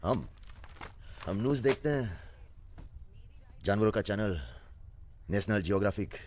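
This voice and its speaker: A man's voice: on the low side, lively intonation, measured pace, a little mellow, a little hiss or hum. An actor dubbing a cocky young gunman who talks in teasing, swaggering banter in a film. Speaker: lead in a dubbed action film.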